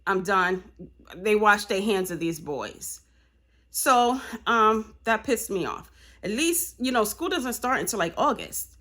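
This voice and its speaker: A mother vlogs casually to her viewers, fired up and indignant, her heated talk rising into outbursts as she keeps asking "you know what I'm saying." Her mid-range voice has lively intonation and a measured pace. Loud music plays behind her.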